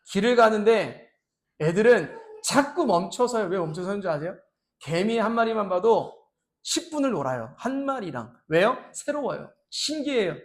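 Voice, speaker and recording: A male pastor in his thirties delivers a sermon in a fairly high voice. He preaches with animation, acting out quoted speech and swinging between hushed asides and loud, emphatic lines.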